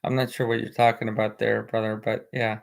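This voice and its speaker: Brisk and creaky, his voice sits lowish with little pitch movement. He's an American-accented man from the United States whose first language is Spanish, rambling casually on a live stream, using many fillers and reading out viewer comments.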